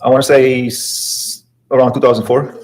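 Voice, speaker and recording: A man in his forties from Poland with a Polish accent, giving quiet, hesitant testimony as a witness in a courtroom. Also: medium pitch, level tone, moderate pace, slight background noise, low-quality recording. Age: 40s. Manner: quiet, hesitant, short answers.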